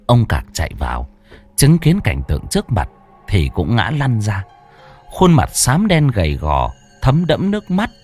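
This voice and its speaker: A man's voice: medium pitch, wildly swooping pitch, measured pace, darkish tone, slightly rough, faint music behind. A man narrating a ghost story in a dramatic storytelling delivery.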